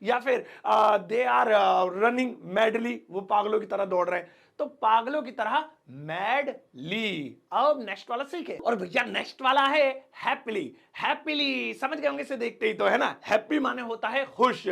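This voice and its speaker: High gravelly male teacher. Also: fairly bright tone. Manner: joking, playful, drawn-out example words. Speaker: English teacher. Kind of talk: casual video lesson.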